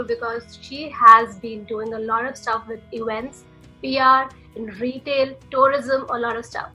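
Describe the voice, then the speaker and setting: A woman's voice: a little high, bright, forceful tone, rough recording. A woman hosting a podcast interview, introducing her guest with enthusiastic, effusive praise. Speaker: podcast host.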